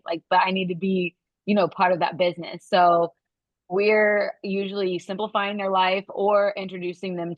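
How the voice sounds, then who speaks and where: A woman sales rep calmly explaining her work on a webinar panel over a video call. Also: fairly low pitch, dry recording. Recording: dry, dull lo-fi call audio.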